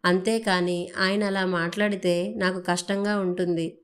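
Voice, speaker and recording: A woman's voice: fairly low pitch, little pitch movement, measured pace, lightly acted. A woman voicing a proud young working wife who speaks in a heated, indignant way. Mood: earnest.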